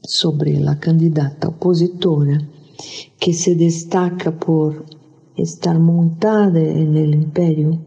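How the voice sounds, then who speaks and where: A woman with a low, dark, gravelly voice, answering an interview question slowly and deliberately. Her voice comes over a dull, lo-fi remote line, with the highs muffled. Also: fairly even intonation. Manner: slow, deliberate, restates the question. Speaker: interview guest, public health doctor.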